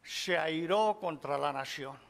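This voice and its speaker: Middle-aged preacher guy, unhurried bible teaching, church hall echo. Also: on the high side, creaky. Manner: slow, measured Bible teaching, addressing listeners as brothers. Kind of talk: sermon. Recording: long hall reverb.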